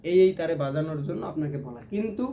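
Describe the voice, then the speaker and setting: A man with a slightly high voice leads a ukulele lesson, counting strokes and calling out rhythm syllables as he goes. Loud plucked strings ring under his voice throughout. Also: expressive, quick pace, over loud music. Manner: counts strums and chants rhythm syllables aloud while playing. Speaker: ukulele teacher. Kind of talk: music lesson.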